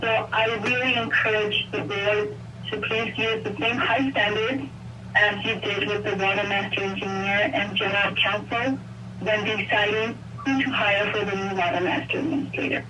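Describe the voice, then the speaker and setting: A woman's voice: mid-range voice, steady tone, normal speed, pushed and bright, far from the mic, muffled recording. A woman giving a polite, prepared public comment over a scratchy conference call line that keeps breaking up. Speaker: public commenter at a board meeting. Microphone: phone on a conference call.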